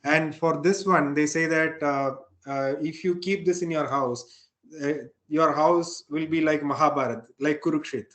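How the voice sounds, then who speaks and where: A man's voice: a little high, steady tone, moderate pace, fairly bright tone. A man explaining scripture informally as a spiritual teacher, often checking in with a short questioning tag. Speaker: spiritual teacher leading a satsang.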